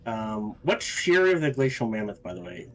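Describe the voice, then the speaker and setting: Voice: medium pitch, sing-song, moderate pace, fairly bright tone, rough recording. A game streamer giving casual gameplay commentary, thinking aloud.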